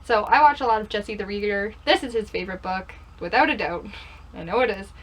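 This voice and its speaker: In her bedroom, a young book vlogger chats casually, playfully putting herself down and often asking herself questions. Her voice is medium-pitched and brisk, and the audio quality is poor.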